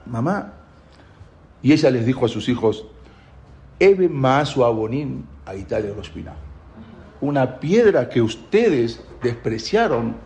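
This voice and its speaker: A man telling a religious story dramatically, swinging between loud and hushed and weaving in Hebrew religious terms. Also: mid-range voice, vocal fry. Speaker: religious teacher.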